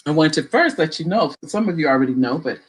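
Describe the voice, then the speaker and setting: Woman talk-show host, effusive and gracious, signing off with warm thanks. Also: low voice, lively intonation, fast, breathy edge.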